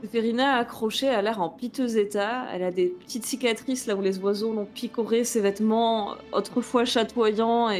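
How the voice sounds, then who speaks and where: A woman playing a tabletop game, describing her character in narrative style. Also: on the high side. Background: soft music bed.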